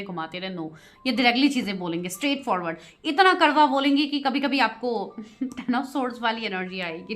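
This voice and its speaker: A woman giving a tarot reading to her viewers, chatty, often laughing and mixing English phrases into her talk. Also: on the high side. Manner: giggly, keeps breaking into laughter. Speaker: tarot reader.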